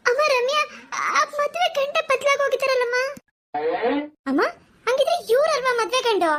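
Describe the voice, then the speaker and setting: A woman's voice: very high voice, expressive, moderate pace, heavy background noise. A woman voicing a blunt, defiant young woman, the bride's sister, in a cartoon. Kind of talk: cartoon voice acting.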